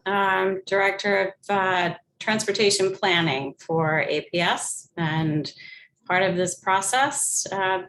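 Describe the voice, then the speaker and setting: A woman's voice: mid-range voice, fairly bright tone, slight background noise, poor audio. A woman, a transportation director, introducing herself lightly and correcting herself mid-sentence on a video call. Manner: light, self-correcting with fillers. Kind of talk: meeting introduction.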